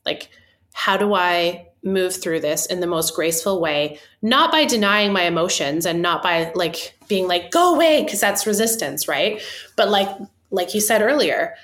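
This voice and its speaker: A woman with a somewhat low voice chats casually and encourages her guest. She talks about finding meaning in hard times and leans on "like" as she goes. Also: measured pace, a bit bright. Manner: encouraging, spiritual, many fillers. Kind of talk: casual chat.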